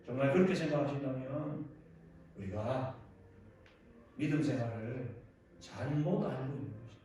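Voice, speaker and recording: A male pastor preaching earnestly in a church sanctuary, swinging between loud exclamation and quiet reflection. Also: mid-range voice, normal speed, slight background noise. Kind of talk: sermon. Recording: echoey hall, distant mic.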